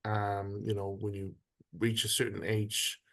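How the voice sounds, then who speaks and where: A man from Samoa in his thirties, speaking on the low side as an interview guest. He talks in a measured, unhurried way, pausing often as he thinks. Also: monotone, a bit bright. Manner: measured storytelling with frequent pauses. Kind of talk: conversational interview.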